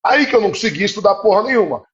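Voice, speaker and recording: Through muffled live-stream audio, a psychoanalyst guest recounts a personal story in a confessional, earnest manner, frequently checking in with "entende?". His expressive voice sits high, and he speaks rapid-fire.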